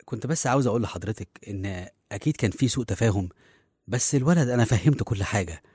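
A man's voice: lowish voice, lively intonation, rapid-fire, a little mellow, slightly rough, dry recording, clean studio sound. An actor with an Egyptian accent playing a harried, well-meaning middle-aged father in a radio serial, conversational and often hesitant. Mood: flustered, polite. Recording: music behind the voice.

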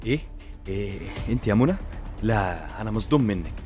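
A man's voice: fairly low pitch, animated, fast, darkish tone, soft background music, natural voice. A man playing an indignant young groom. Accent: Egyptian Arabic. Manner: defensive, indignant.

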